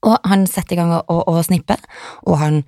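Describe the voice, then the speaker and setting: A woman's voice: on the low side, darkish tone, dry recording, clean studio sound. Chatty woman sprinkling in English phrases. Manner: chatty, mixes in English phrases, acts out quotes. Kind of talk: casual chat.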